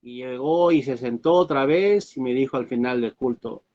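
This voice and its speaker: Hesitant pastor telling a testimony. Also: male voice, mid-range voice, mellow, lo-fi sound. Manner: halting storytelling with many fillers and restarts. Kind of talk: sermon testimony.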